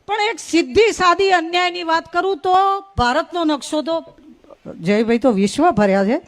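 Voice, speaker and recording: A woman's voice: very high-pitched, moderate pace. A middle-aged woman from Gujarat, giving a humorous public speech at a village gathering, telling folksy stories in rhyming phrases. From North Gujarat. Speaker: invited speaker at a folk gathering.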